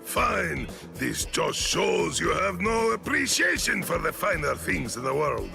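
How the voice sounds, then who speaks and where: Casting: pompous anime game villain, swooping wildly between notes, heavy gravel, music behind. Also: male voice, fairly high pitch, big pitch swings, a little slow, full character voice. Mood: boastful menace. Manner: pompous, theatrical, taunting. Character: flamboyant boastful theatrical middle-aged male warrior villain. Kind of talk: anime game dub acting.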